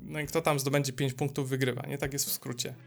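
A man's voice: medium pitch, fast talker, vocal fry, faint music behind. A man co-hosting a podcast in casual chat, telling stories animatedly and swearing freely. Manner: animated storyteller, swears freely, many fillers. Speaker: podcast co-host.

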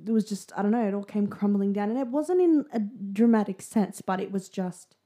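A woman co-hosting a relaxed podcast, chatty and sassy, with casual swearing. Her voice is warm and mellow at a middle pitch. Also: brisk. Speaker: podcast co-host.

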